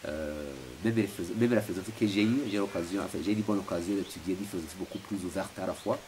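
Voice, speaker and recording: A fast-talking man with a low-pitched voice, in his forties and from Rwanda. As a philosopher being interviewed at home, he fills his answers with hesitations and repeated words, and the recording is noisy.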